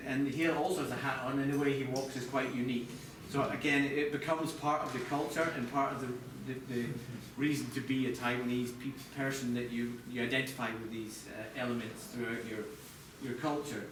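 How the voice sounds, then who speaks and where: Heard from afar in an echoey room full of audience and clear background noise, a middle-aged man from Scotland gives a live talk as chief TV product designer. His voice sits at medium pitch with fairly even intonation, brisk and with few pauses, conversational but hesitant and full of restarts.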